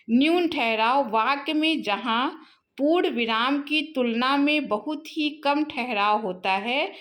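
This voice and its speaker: A woman teaching a Hindi grammar lesson for exam students, explaining slowly and addressing her students directly. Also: on the high side, a bit bright.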